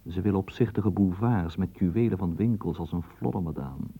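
A man with a low, mellow, husky voice narrates a scripted radio drama at a fairly quick clip, leading the listener through the scene like a storyteller. The recording is tinny and lo-fi, like an old radio broadcast.

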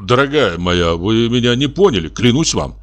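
A man reading aloud voices a cold, ironic male official who talks in a measured, lecturing way. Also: medium pitch, expressive, a bit bright, faint music behind, natural voice. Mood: flustered. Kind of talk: audiobook reading.

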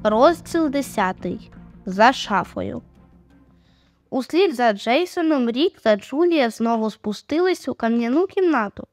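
A woman narrating an audiobook in a steady storytelling manner. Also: fairly high pitch, measured pace, no echo, soft background music. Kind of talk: scripted narration.

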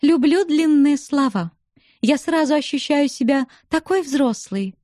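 A woman putting on a high teasing young widow. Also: animated, unhurried, dark tone, no room sound, clean studio sound. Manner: coquettish, bantering.

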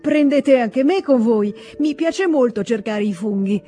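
A woman reading aloud, voicing a learned, polite middle-aged man with a slow, emphatic delivery. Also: fairly high pitch, animated, warm tone, soft background music, pitched above the performer's own voice. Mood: eager.

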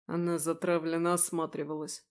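A man's voice: fairly high pitch, completely flat delivery, moderate pace, clean tone. A man narrating an audiobook in the first person.

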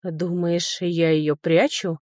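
Woman putting on a sly mocking high lord. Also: flat delivery, slow, darkish tone, no room sound, studio quality. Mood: defensive. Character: sly male high lord, a mage, evasive.

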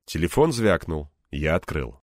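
A man's voice: rumbling low, sing-song, a little slow, no room sound. A young man narrating an audiobook in first person, in a wry, dry-humored way.

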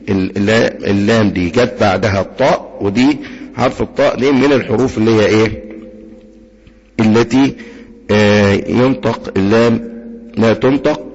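Husky Egyptian teacher in a reverberant hall. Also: male voice, on the low side. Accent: Egyptian Arabic. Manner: patient, asks the class questions and answers them himself; demonstrates recitation with slow drawn-out chanting. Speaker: Quran recitation teacher. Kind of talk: tajweed lesson. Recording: dull lo-fi recording with long reverb.

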